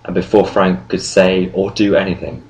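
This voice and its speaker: Male narrator, very low voice, gravelly, measured audiobook reading. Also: flat delivery, a little mellow, rough recording. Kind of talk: scripted narration.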